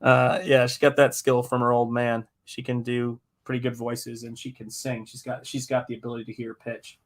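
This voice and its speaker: Painting live on stream, this middle-aged man from the United States keeps up a casual, rambling patter full of self-deprecating jokes. His voice sits at a medium pitch with a level tone and a moderate pace.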